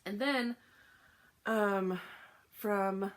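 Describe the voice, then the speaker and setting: A woman chatting casually about her cross-stitch projects, short of breath and filling pauses with "um". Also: mid-range voice. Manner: chatty, lots of "um" fillers. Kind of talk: casual show-and-tell chat.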